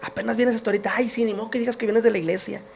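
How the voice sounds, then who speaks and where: A bitter, scornful young wife snaps in a high, hushed voice, as a man puts her on in his own storytelling. She is sharp and dismissive, telling someone to go away. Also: steady tone, racing, creaky, a little hiss or hum.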